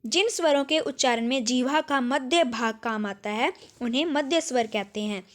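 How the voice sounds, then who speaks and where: A woman with a Punjabi accent teaching an exam-prep grammar lesson, asking questions and answering them herself, and sounding out vowels slowly. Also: high voice.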